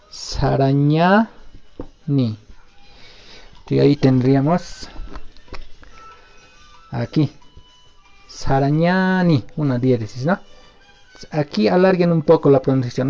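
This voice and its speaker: A man with a fairly high voice teaches during a live online session, answering viewers' questions patiently. He stretches example words out slowly and pauses often to think. The audio is dull and lo-fi, with faint music underneath. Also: creaky, dark tone. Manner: explains patiently, drawn-out example words, many filler pauses. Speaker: language teacher.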